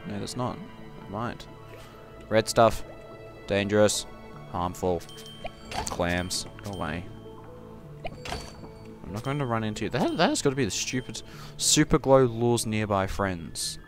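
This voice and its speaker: A man giving goofy, casual gameplay commentary, talking to the game and breaking into sudden loud yelps. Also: fairly low pitch, animated, unhurried, pauses often. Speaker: gaming commentator. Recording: game music behind the voice.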